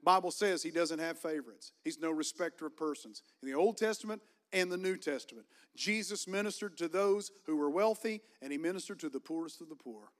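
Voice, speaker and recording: A man's voice: a little high, brisk, a bit bright. A male pastor from Virginia with a Southern Virginian accent, preaching a sermon in a church and calling for amens from the congregation. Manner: preaching with call-and-response, rising fervor. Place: church sanctuary.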